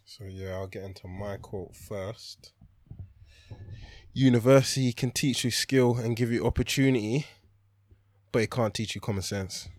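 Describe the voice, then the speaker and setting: A man's voice: lowish voice, a little slow, pauses often, a little mellow, no echo. A young man with a London roadman accent, co-hosting a podcast in casual, slangy chat. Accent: London roadman, multicultural urban London. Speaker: podcast co-host.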